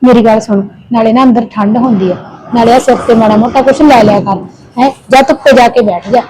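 A caring but anxious elder sister-in-law talks on earnestly, pleading and complaining in long runs, played by a woman. Her voice is fairly high and mellow. It is plain village short-film acting. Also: fairly even intonation, brisk, a little hiss or hum, lightly acted, low-quality recording. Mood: worried, caring. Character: elder daughter-in-law, childless, kind and anxious.

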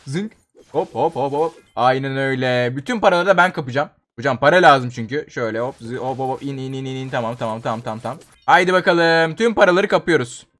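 Fast, high-voiced young man commenting on a game. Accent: Turkish. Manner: jumps into loud panicked yelling when dying. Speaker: gaming channel host. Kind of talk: excited Roblox gameplay commentary.

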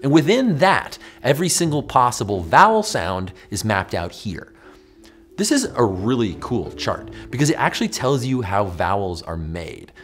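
An American man in his forties presenting a scripted but conversational educational explainer in an emphatic, animated way. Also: mid-range voice, normal speed, soft background music. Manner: animated, emphatic, demonstrating mouth sounds. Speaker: host of an educational science show. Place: small furnished indoor studio with bookshelf.

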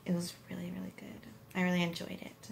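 In a casual couple vlog filmed on a phone held at arm's length in a hospital room, a 29-year-old woman from the United States chats bubbly and giggly with viewers. Her voice is lowish, gravelly and monotone, and she talks quickly.

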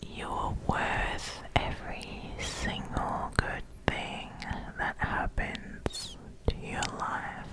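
A young woman gives a whispered pep talk as ASMR affirmations, breathy and soothing, repeating words, close to the microphone. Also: rough recording. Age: young adult. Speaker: ASMR host. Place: small indoor room. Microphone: close desk condenser mic with fluffy cover.

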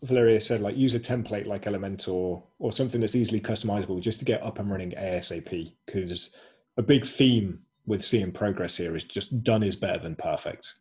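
Guy running a webinar slide deck, kinda low and a bit husky, says um a lot, upbeat. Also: fairly quick, a little mellow. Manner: upbeat, repeats short slogans, many "um" fillers. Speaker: webinar co-host presenting slides. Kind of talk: casual webinar presentation.

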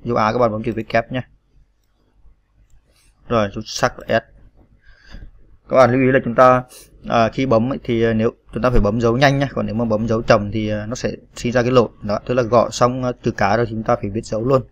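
A man walks through typing one key at a time, patient and unhurried, with plenty of fillers. His voice stays level and flat. The recording sounds dull and lo-fi, with keyboard clicks behind him. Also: medium pitch, no echo. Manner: patient, spells out each key, many fillers. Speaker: computer tutorial instructor. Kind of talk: step-by-step screen tutorial.

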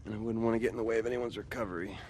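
An actor playing a brash, guilt-ridden young man with a gravelly voice in a video game. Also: lowish voice, fairly even intonation, racing, darkish tone, slight background noise, lightly acted. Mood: wry. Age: young adult. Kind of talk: naturalistic video game acting.

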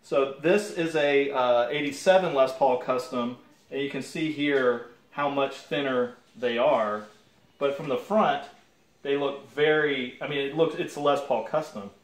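A young man casually demoing a guitar at home, talking in a relaxed, halting way with many fillers, picked up by a camera mic some distance away. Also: mid-range voice. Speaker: guitar reviewer. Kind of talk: casual gear demo talk. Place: home music room with guitars and amps. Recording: roomy sound from off-mic. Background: electric guitar playing.

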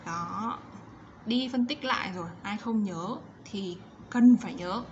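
A Vietnamese woman teaches English to young children with a Vietnamese accent. She explains briskly, then stretches out model phrases and repeats sounds. The recording is somewhat dull, with steady noise behind her. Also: mid-range voice. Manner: switches between quick explanations and slow, drawn-out model sentences; encouraging, repeats sounds for pupils.

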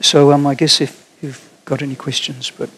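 After a keynote, a middle-aged New Zealander takes questions on a theatre stage, answering thoughtfully and frequently starting over. He speaks at a normal speed with a medium, level pitch and a fairly bright, slightly rough tone.

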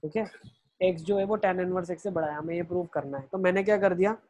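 A man's voice: sits high, fairly quick, a little mellow. A man teaching math in an online lecture, explaining each step and answering his own questions as he goes, with English phrases mixed in.

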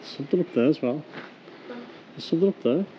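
A man's voice: a little high, lively intonation, a little fast. A man chatting hesitantly and uneasily while exploring an abandoned industrial site outdoors, recorded on a camera mic. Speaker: urban explorer host. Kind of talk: casual walkaround chat. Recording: muffled outdoor camera audio with loud background noise.

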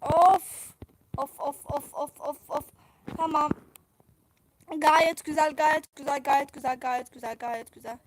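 A young woman streaming live gameplay, reacting excitably and repeating phrases over and over. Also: high-pitched, measured pace, a little hiss or hum.

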